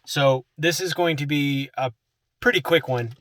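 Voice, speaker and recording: A man's voice: a little high, measured pace, no echo. A young man hosting a casual how-to video, explaining step by step from inside a car while working with his hands. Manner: relaxed, chatty, talks while working with hands.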